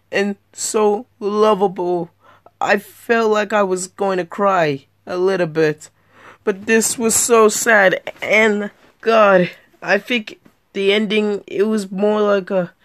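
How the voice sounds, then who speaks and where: Brief: unhurried earnest woman, reaction host, dry close sound. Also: mid-range voice, no echo. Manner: slow, earnest, plain-spoken. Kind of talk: casual commentary.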